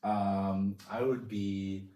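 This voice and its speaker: A man's voice: on the low side, level tone, drawn-out words, mellow. A man, a comedian guest, chatting casually and rambling with crude jokey asides. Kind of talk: casual interview chat. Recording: roomy echo, distant mic.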